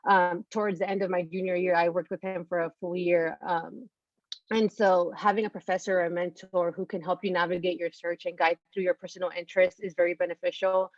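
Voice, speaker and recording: A woman's voice: on the low side, little pitch movement, a little fast, no echo, dull audio. A woman from California, speaking earnestly as a graduate student panelist and giving advice. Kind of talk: casual panel answer.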